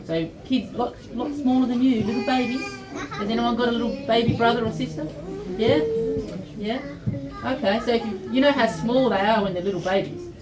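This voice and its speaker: Speaking briskly in a fairly high pitch, this Australian woman presents and tells stories at a library children's event, keeping her educational talk informal, simple, and full of questions for the kids. It takes place in an indoor library event room. The recording is echoey, with a distant microphone and children chattering.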